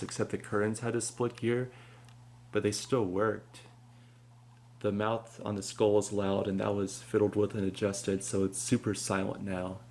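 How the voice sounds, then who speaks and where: A man's voice: lowish voice, vocal fry, darkish tone, slight background noise. A man giving casual, understated and matter-of-fact commentary as he shows and compares collectible props. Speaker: prop collector presenting his animatronics.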